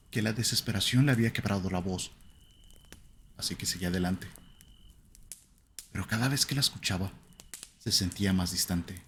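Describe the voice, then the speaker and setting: A man narrating a first-person horror story in a slow, somber, suspenseful way. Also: fairly low pitch, a little hiss or hum.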